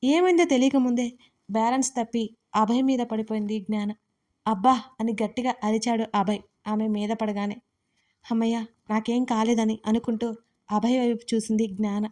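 A woman narrates her own romantic audio story with a fairly high voice. Her delivery is lively and expressive. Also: fairly quick. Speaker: writer and narrator.

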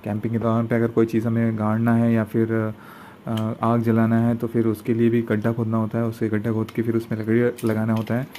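A young man talking casually as he unboxes camping gear, pausing often with fillers and restarting his sentences. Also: fairly low pitch, completely flat delivery, dark tone. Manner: hesitant, many fillers and restarts. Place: indoor room at a table. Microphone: handheld phone camera pointed at the table. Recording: noisy phone recording with room hiss.

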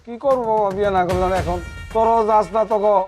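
Man as a stubborn old father, Bangladeshi colloquial accent, high voice, fast and gruff. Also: fairly even intonation, darkish tone, faint music behind, natural voice. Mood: defiant. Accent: Bangladeshi colloquial Bengali. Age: 60s. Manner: gruff and defiant, threatens. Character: stubborn sixty-year-old father who remarries.

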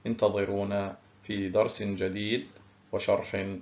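A male primary school teacher giving a recorded lesson, stretching key words slowly and praising his pupils often. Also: fairly low pitch, level tone, a little mellow, lo-fi sound. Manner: slow, drawn-out word stress, praising pupils.

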